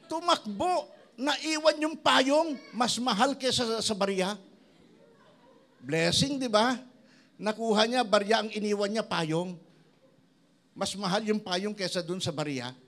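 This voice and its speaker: A man pastor preaching a sermon, mixing English into his talk and acting out the voices of people he quotes, with big swings between loud and soft. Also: high-pitched, unhurried, long pauses. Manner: preaching in Tagalog mixed with English, lively swings in loudness; acts out quoted voices of others. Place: church.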